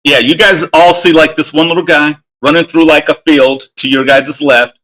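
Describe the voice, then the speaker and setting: A man running a tabletop game, talking easily with many fillers. His voice sits a bit high and sounds bright and forward. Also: normal speed, rough recording. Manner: relaxed, lots of fillers. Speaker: game master.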